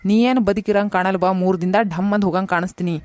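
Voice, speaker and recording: A woman voices a sharp-tongued older mother-in-law from a comic village cartoon, firing off scolding words at a breakneck pace. Her voice is smooth but flat, with a North Karnataka Kannada accent. The recording is dry and close. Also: medium pitch, dry recording, natural voice. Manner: scolding, rapid-fire.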